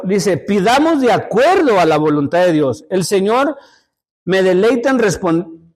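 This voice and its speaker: A man with a high voice teaches a Sunday school lesson. He tells stories in an unpolished way, often repeating words and restarting phrases, and calls his listeners brothers. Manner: storytelling, addresses listeners as brothers.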